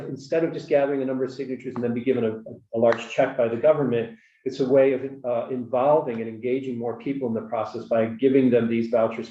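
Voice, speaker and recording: A man giving informal explanatory testimony in a halting, thoughtful way, picked up from a distance in an echoey room. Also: medium pitch, warm tone, lo-fi sound. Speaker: witness presenting to a committee. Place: indoor committee room.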